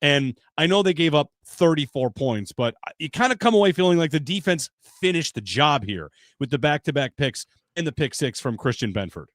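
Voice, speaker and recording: A man hosting a football podcast in casual chat, his voice sitting a touch high and close to the mic with a dry, dead sound. He leads the talk, rattles off stats and tosses in plenty of easygoing fillers. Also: lively intonation, normal speed, few pauses, fairly bright tone, no echo. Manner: stat-heavy, loose and chatty, leads the discussion. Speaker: sports podcast host.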